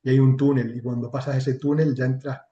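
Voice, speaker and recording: A man from Extremadura with a Spanish accent, an entrepreneur in chatbot marketing, chats candidly and colloquially as an interview guest, swearing mildly now and then. His mid-range voice is warm, brisk and fairly flat, in reverberant, dull audio.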